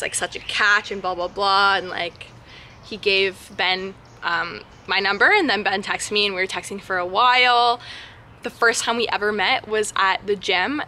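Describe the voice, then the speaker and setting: A woman's voice: mid-range voice, pushed and bright, a little hiss or hum. A young adult woman chatting casually and frankly in a slangy way, answering questions as a vlogger outdoors in a backyard.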